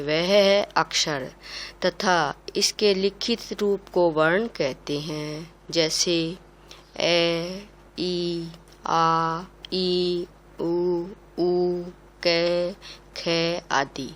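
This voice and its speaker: A woman teaching a class, slowly spelling out each sound one at a time. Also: lowish voice. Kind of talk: classroom lesson.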